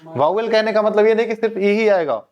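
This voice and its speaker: A man's voice: high-pitched, lively intonation, a little fast, a little mellow. Man teaching pronunciation in a muffled recording. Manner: repeats questions to the class and answers them himself. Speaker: English teacher. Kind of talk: classroom lecture.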